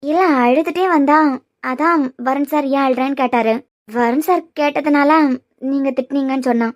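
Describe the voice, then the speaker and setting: A woman voicing a gentle young caretaker in a cartoon, coaxing and soothing in a Kanyakumari Tamil accent. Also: high-pitched, fairly even intonation, normal speed, no echo, clean studio sound, natural voice.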